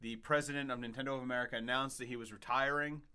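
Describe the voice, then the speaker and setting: A man co-hosting a casual gaming podcast, jokey and excitable, often laughing as he talks. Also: medium pitch, very fast, smooth. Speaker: podcast co-host. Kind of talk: casual chat.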